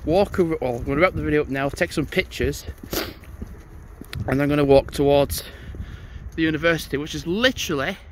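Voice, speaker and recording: A man's voice: on the high side, fairly quick. A man, chatting casually as he walks outdoors with a handheld camera, thinking aloud and reading signs as he goes. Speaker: vlogger. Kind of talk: casual walking vlog narration. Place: outdoors on snowy paths by a stadium. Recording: wind noise on an outdoor mic.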